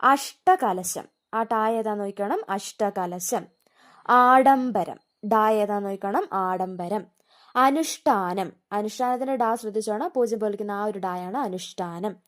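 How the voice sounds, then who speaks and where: A woman teaching an exam-prep spelling lesson, reading each word out slowly and carefully before explaining it. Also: medium pitch. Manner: slow, deliberate word-by-word dictation.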